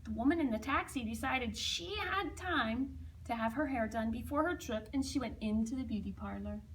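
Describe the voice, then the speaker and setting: A woman reading a children's picture book aloud expressively, with dramatic emphasis and hushed asides to young listeners. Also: a little high, normal speed, distant mic. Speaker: storybook reader.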